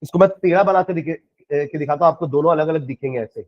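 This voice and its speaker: A man teaches a chemistry class, explaining patiently, asking his students questions and slowly dictating notes with repetition. His voice is a little high, and the recording's highs are cut off.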